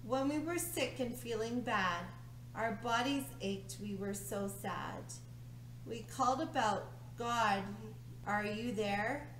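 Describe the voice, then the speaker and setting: A middle-aged woman leading a children's church lesson, reading a story slowly, clearly and soothingly. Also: a little high. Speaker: children's ministry leader. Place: church room with a round table, indoors. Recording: echoey room, faint hum.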